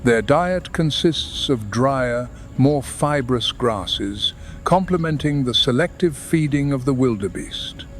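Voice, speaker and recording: A man narrating a scripted nature documentary in a measured, dramatic delivery. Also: medium pitch, expressive. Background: background music.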